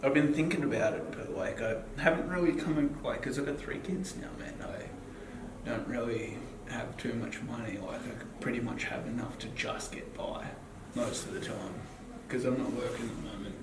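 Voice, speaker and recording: A man's voice: medium pitch, moderate pace, few pauses. A young man in his twenties, a guest in a casual interview, rambling with lots of fillers and swearing. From Australia. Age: 20s. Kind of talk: casual chat. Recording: echoey, distant, noisy ambience.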